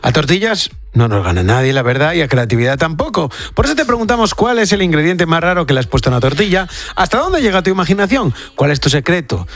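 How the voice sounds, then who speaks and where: A man's voice: on the high side, big pitch swings, fast talker, fairly bright tone, dry recording. A man hosting an afternoon radio show, playful and teasing. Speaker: radio host. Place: radio studio.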